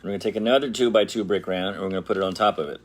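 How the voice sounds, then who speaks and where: A middle-aged man talks viewers through a small brick build in a low, easygoing voice. He chats and jokes directly to the camera and hums little tunes as he works. A faint hiss sits under the recording. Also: racing. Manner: chatty and playful, talks straight to viewers, hums and jokes while working. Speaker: brick-building channel host. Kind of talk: casual building tutorial to camera.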